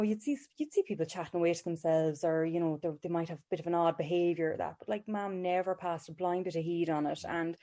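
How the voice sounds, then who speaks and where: A woman's voice: lowish voice, dark tone. A woman with a west of Ireland accent chatting casually and informally as an interview guest, telling personal anecdotes in a self-deprecating way. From County Galway, west of Ireland. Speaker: podcast guest, mental health clinician.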